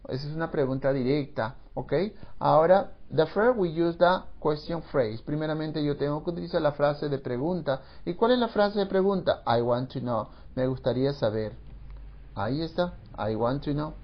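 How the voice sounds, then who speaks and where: Speaking Spanish, a man teaches an English grammar lesson, explaining slowly, repeating phrases, and dropping in English examples. His voice leans high, and the audio sounds dull.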